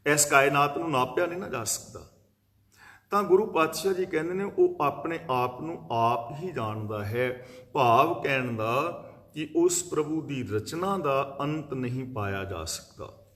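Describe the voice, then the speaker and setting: A man giving a religious discourse, explaining scripture verse by verse and reciting long lists of words. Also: mid-range voice. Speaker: preacher giving scripture commentary.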